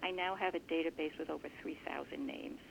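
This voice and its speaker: A woman guest in an interview, explaining her family research earnestly and thoughtfully, with a gravelly voice. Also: low-pitched, fairly even intonation, fairly quick, a little hiss or hum. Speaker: genealogist guest. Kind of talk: conversational interview answers. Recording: muffled lo-fi recording.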